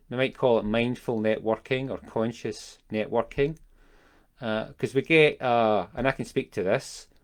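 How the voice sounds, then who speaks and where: A man talking alone to his audience in a reflective way, often pausing and searching for words as he reframes ideas. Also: on the low side. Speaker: business coach. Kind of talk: solo talk to camera.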